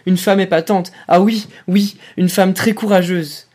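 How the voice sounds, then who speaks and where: A wrecked young officer spits out bitter, shrill words in a feverish rush, as a man puts him on in a storybook reading. The voice climbs high and stays loud and strained. It sounds close to breaking. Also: moderate pace, husky. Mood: bitter anguish. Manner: shrill, feverish, broken outbursts. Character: shattered young male officer, bitter, near hysterical.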